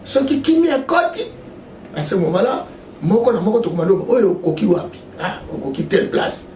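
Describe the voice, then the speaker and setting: A man's voice: high voice, big pitch swings, brisk, darkish tone, slight background noise. A man, speaking as a political guest in an impassioned, emphatic way and laughing often. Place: TV studio. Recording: echoey room from far off.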